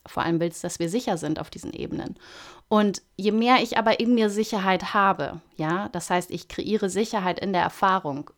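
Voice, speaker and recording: Woman, lowish pitch, earnest reflective coach monologue, candid and searching. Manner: earnest, searching, self-disclosing.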